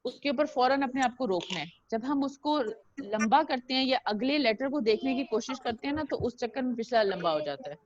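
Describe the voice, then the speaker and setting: A woman teaching a recitation lesson over a video call, modeling words slowly and patiently for a student to repeat. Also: high voice, lively intonation, highs cut off. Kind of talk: online tajweed lesson.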